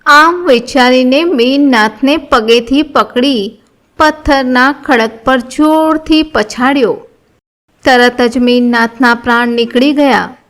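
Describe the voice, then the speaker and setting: A woman with a Gujarati accent reading a devotional scripture story in an even, measured way. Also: high voice. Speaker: narrator.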